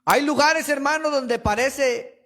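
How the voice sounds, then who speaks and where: Predicador de voz muy aguda, enfático, retórico; sermón en iglesia. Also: male voice, extremely high pitch, slow, bright, forceful tone. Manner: emphatic preaching, addresses listeners as brother. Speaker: preacher. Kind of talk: sermon. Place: church.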